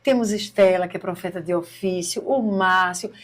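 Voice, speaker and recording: A woman's voice: fairly low pitch, normal speed. A Brazilian woman hosting a faith podcast, encouraging and speaking straight to her viewers. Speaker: podcast host. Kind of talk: podcast interview.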